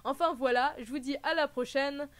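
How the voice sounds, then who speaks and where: Woman, vlog host, high voice, chatty, playful asides. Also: steady tone, normal speed. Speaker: video host. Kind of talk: casual character recap vlog.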